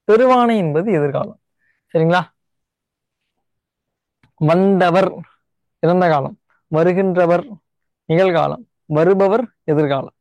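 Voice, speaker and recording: A male Tamil grammar teacher with a high voice and a Tamil Nadu accent gives an online exam-prep lesson. He explains things step by step, often checks in with "right?", and repeats key words slowly for emphasis. The sound is dry and close, with no echo.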